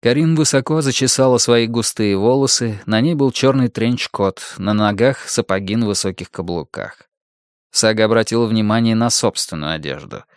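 A man narrating a novel as an audiobook, in a measured, even storytelling delivery. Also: lowish voice, smooth, no room sound, clean studio sound. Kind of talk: scripted narration.

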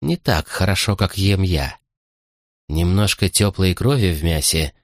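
A man voicing a sinister fellow prisoner with a taste for warm blood, low and insinuating. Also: lively intonation, measured pace, no room sound, studio quality, exaggerated voice. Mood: sly.

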